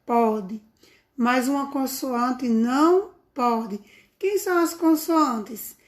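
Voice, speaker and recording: Lady teacher talking slow n high to small kids, singsongy, recorded on her phone. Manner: slow, sing-song, affectionate teacher talk to young children. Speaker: primary school teacher. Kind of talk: recorded remote lesson for children.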